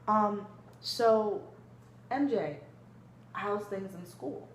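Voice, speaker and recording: A woman playing a gentle therapist in an amateur role-play, talking conversationally and hedging often as she explains. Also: mid-range voice, drawn-out words. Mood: calm, concerned. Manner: hesitant, hedging with frequent kinda and you know. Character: gentle female therapist leading a family session. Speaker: student clinician in a role play. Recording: echoey room with background noise.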